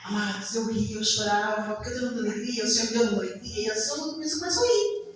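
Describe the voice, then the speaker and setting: A woman's voice: fairly high pitch, quick pace. A woman with a Brazilian Portuguese accent giving an emotional church testimony, often breaking into praise exclamations. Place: church hall. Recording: very echoey hall, far from mic, faint music.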